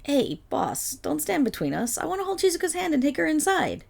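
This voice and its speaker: A woman voicing an excitable, affectionate dog-eared girl in an ASMR role-play, loud and giggly. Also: high voice, a little fast, gravelly, exaggerated voice. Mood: eager.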